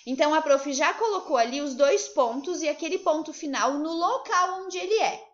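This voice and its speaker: A woman teaching a remote class to young children, lively and coaxing, asking many questions. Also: high-pitched, moderate pace. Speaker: primary school teacher. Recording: slightly dull lo-fi recording.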